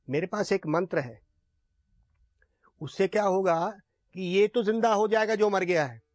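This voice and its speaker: A man voicing a calm, wise old male guru who speaks gently to grieving villagers. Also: high voice, dry recording.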